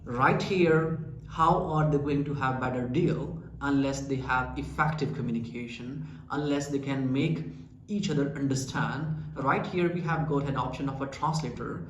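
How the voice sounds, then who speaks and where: This English lesson comes from a Pakistani-accented man who teaches English and founded the channel; he explains earnestly and asks rhetorical questions. He speaks at medium pitch and normal speed, with lo-fi sound in an echoey room carrying faint ambient noise.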